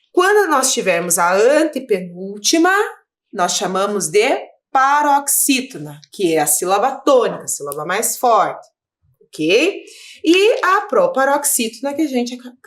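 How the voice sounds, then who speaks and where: A woman from Brazil teaching a recorded lesson for young pupils. She explains patiently, step by step, stopping often to check that they follow. Her pitch moves up and down a lot as she stresses each point. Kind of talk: recorded video lesson for children.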